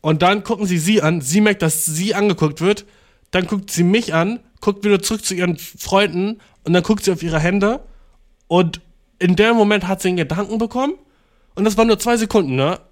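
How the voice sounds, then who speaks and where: A young man, a podcast host telling a rambling, slangy, self-mocking story in a casual monologue, with loud outbursts and mumbled asides. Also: high-pitched, a little fast.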